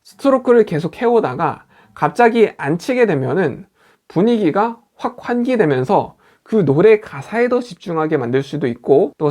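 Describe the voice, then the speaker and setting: Man teaching guitar, lively pitch. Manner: patient, step-by-step, repeats points. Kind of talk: instructional explanation.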